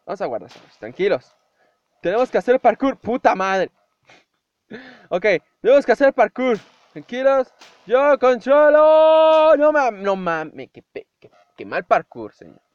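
A young man with a Mexican accent giving excitable gameplay commentary, shouting, swearing and making sound effects. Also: extremely high pitch, unhurried, no room sound. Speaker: gameplay youtuber. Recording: dull lo-fi home recording with faint hiss.

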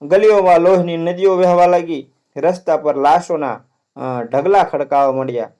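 A man reads a story aloud, his voice sitting a little higher than most men's yet soft and mellow in tone. He tells it earnestly and dramatically. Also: normal speed, dull audio. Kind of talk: read-aloud story narration.

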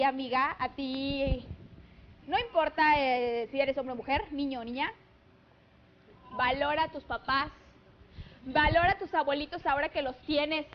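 A woman's voice: high voice, dull audio, a little hiss or hum. A Mexican woman hosting a live TV show, chatting affectionately and reading viewer messages into a handheld mic. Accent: Mexican Spanish. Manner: chatty, affectionate, gushing with pet names. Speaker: TV show host. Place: TV studio. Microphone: handheld microphone.

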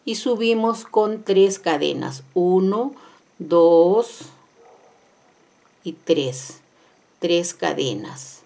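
A woman with a slightly low voice talks very slowly through a crochet tutorial at her craft table. She counts each stitch aloud and repeats every step patiently, her hands working under an overhead camera. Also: animated, creaky, warm tone. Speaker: crochet instructor.

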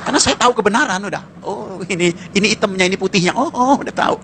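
A man preaching a sermon to a congregation as pastor, in an animated, colloquial way with mocking asides. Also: high voice, very fast, very noisy.

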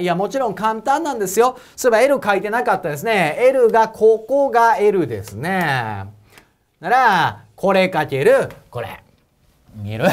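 A high-pitched man with an Osaka Japanese accent, a prep school physics teacher, delivers an exam lecture at a whiteboard to the camera. He's chatty and joking, his voice bouncing lively up and down as he quizzes viewers and laughs at his own asides.

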